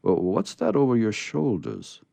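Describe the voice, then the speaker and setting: A man voicing a brusque but kindly old Santa in a storybook reading, booming and hearty. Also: lively intonation, a little slow, gravelly, dark tone, no room sound. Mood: loud, questioning. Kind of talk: storybook character voice in read-aloud.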